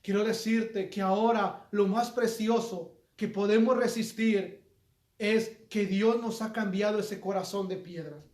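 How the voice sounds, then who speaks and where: A man's voice: sits high, fairly even intonation, measured pace, a little mellow, reverberant. A man preaching a sermon, speaking earnestly and appealing directly to his listeners. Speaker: pastor.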